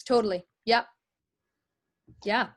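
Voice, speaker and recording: A woman who is a voice-over artist teaches an informal online lesson, explaining things and answering questions conversationally. Her voice is a little high and her pace slow.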